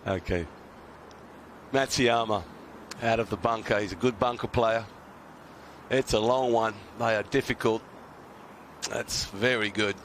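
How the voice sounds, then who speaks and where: A man's voice: lowish voice, a little slow, long pauses, fairly bright tone. A man giving live golf commentary in short, clipped phrases. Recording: clear outdoor ambient noise.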